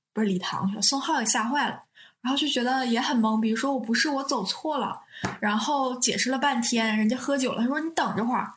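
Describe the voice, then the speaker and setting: A woman's voice: on the high side, fairly bright tone. A young woman who casually retells the plot of a TV drama, rambling, correcting herself and laughing.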